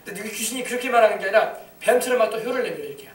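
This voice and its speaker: A male pastor preaching with a high voice and a fast, driving pace, breaking into shouted commands. He is recorded from some distance in a roomy, echoing church, with faint noise underneath. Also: animated. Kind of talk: sermon.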